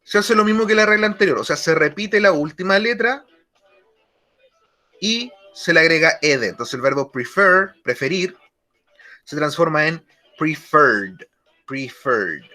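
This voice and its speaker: Male teacher, bright and slightly high; slow, deliberate classroom explanation. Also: expressive. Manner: slow, deliberate explanation, repeats key words. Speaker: English teacher. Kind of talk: online grammar lesson.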